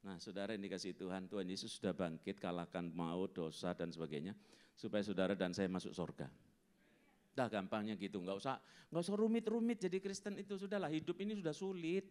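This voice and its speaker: A male pastor preaching a sermon at a church service, animated, acting out scenes and asking the congregation questions. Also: fairly low pitch, brisk.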